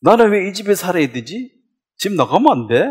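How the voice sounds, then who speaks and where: A man's voice: high voice, big pitch swings, a little fast, slightly rough, full character voice. Man acting out a sulky teenage boy, defiant, talking back, slightly raised voice.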